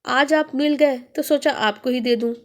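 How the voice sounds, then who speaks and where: A kind, devout young delivery man speaks softly and politely, voiced by a woman telling the story. His tone is gentle and reassuring, and the voice sits high. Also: moderate pace, natural voice.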